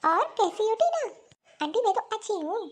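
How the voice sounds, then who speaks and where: A woman voicing an aunt who serves snacks to children in a cheerful, hospitable way, for an animated story. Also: very high-pitched, normal speed. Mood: friendly. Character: sweet-talking aunt serving snacks.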